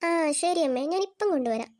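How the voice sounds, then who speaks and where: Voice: high-pitched, animated, quick pace, darkish tone, slight background noise, voice pushed down. A performer voicing a clever, sweetly cunning young daughter-in-law in a cartoon. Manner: polite and sweet, then smug. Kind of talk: cartoon voice acting.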